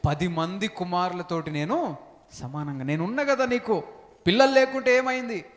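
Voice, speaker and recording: A preacher voicing a gentle husband who comforts his wife with slow, pleading questions. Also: high voice, lively intonation. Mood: tender pleading. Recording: long hall reverb.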